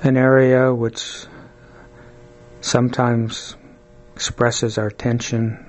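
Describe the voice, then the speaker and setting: A man leading a guided body-scan meditation, speaking calmly and soothingly, with long pauses between short phrases. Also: medium pitch, slight background noise.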